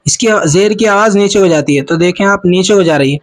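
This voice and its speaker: A man teaching Quran reading in a patient spoken lesson, spelling out syllables slowly and asking and answering his own questions, with a Pakistani Urdu accent. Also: sits high, poor audio.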